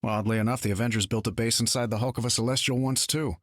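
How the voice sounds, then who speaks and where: A man's voice: mid-range voice, steady tone, quick pace, no echo, studio quality, close to an everyday voice. A man voicing a confident, wisecracking inventor superhero in a video game, wry and casual. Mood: wry, friendly. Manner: wry, casual, self-assured. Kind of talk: video game character acting.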